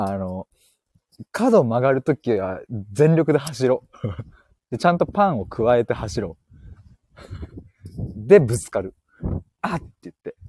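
Casting: male live-stream host, playful and quick to laugh, mellow husky voice, lively pitch, walking outside on an earphone mic. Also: dry recording, clean studio sound. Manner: playful, laughs often, joking. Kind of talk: casual live-stream chat reading listener comments. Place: outdoors, walking.

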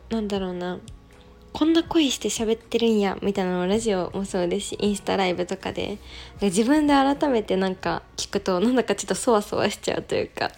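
A young woman hosting a casual solo radio talk, reading listener messages in a soft, gentle way with delighted thanks. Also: a little high, vocal fry. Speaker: radio show host.

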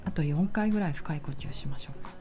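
Low, mellow woman guiding relaxation over music. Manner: slow, pausing, soothing delivery. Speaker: relaxation exercise guide. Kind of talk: guided grounding meditation, gentle instruction.

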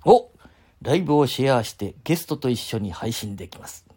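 A man's voice: medium pitch, sing-song, a little fast, warm tone, breathy edge. A man in his seventies with a Mikawa dialect, chatting casually and rambling on a live stream from his home, often chuckling. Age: 70s. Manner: rambling, chuckling, talks to himself.

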